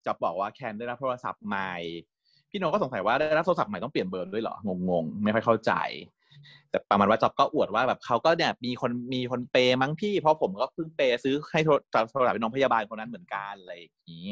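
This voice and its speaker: Chatty male recap host, mid pitch, dry close mic. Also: expressive, fast, a bit bright, no echo. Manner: chatty, laughing, acts out scenes. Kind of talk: casual recap talk.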